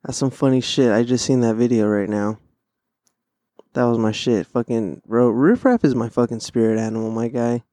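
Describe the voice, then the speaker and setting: A man's voice: medium pitch, normal speed, dark tone, no room sound. A young man, audibly stoned, rambling in slangy, sweary, laid-back podcast chat and repeating himself. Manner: profane, repeats phrases. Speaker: podcast host.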